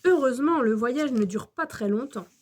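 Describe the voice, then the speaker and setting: A woman storyteller reading a children's storybook aloud in a slow, gentle manner. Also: fairly high pitch, animated.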